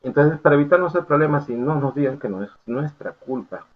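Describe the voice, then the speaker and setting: A man's voice: fairly high pitch, expressive, brisk. A man giving an academic lecture, explaining step by step and often checking in with his students. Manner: explanatory, full of checking questions and fillers. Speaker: university lecturer. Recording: tinny phone-like audio.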